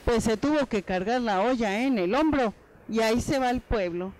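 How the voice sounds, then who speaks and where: Woman storyteller, kinda high voice, slows way down on the juicy words, tv studio. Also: poor audio. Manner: expressive, slows down for dialogue and drawn-out words. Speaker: storyteller guest. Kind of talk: oral folk tale telling. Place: educational TV studio.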